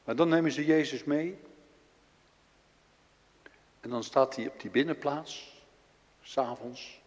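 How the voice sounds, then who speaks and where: Dutch preacher in an echoing hall. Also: male voice, mid-range voice, slow, muffled recording. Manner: storytelling, acting out dialogue, swings from loud to hushed. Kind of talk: sermon. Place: church. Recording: long reverb of a large hall.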